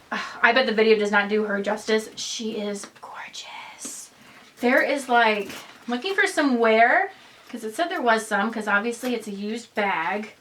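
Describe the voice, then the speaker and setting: A young woman with a fairly high voice talks through an unboxing in a chatty, excitable way, rambling from one detail to the next. A faint hiss sits under the recording. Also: rough recording. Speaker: fashion vlogger. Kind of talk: casual unboxing chat.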